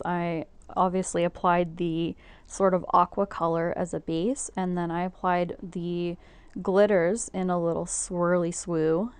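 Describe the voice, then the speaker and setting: A woman's voice: lowish voice, a little mellow, clear, resonant tone, no room sound. A woman who does nails, chatting through a tutorial in a casual, rambling way and laughing easily. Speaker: nail technician.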